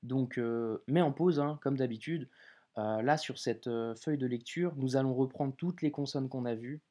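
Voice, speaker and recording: Male tutor, mellow voice, chatty and informal, slows down on sample words. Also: mid-range voice. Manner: informal, addresses viewer as tu, drawn-out example words. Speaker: Arabic reading teacher. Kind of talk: casual video lesson.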